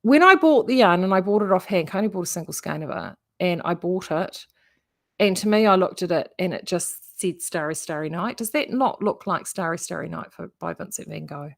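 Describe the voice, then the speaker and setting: A woman's voice: lowish voice, animated, fairly quick, creaky. Chatty woman with a broad Kiwi accent. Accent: broad New Zealand. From New Zealand. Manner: chatty, rambling, self-interrupting. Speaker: knitting vlogger and yarn shop host. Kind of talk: casual chat to live viewers.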